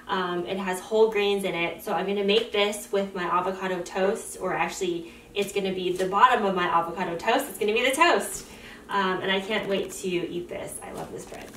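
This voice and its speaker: A woman's voice: mid-range voice, fairly bright tone, echoey room, distant mic, a little hiss or hum. A young woman vlogging casually in an upbeat, chatty way with frequent "um"s. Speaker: fitness vlogger. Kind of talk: casual vlog talk. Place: small indoor room for the haul, car for the drive.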